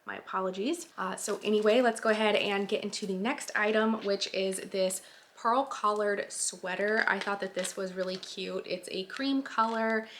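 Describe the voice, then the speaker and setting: A fashion vlogger in her late twenties gives a casual clothing try-on review, chatty and full of fillers. She is recovering from a sinus infection, so her mid-range, slightly bright voice sounds a bit nasal and stuffy. She talks at normal speed, with slight background noise.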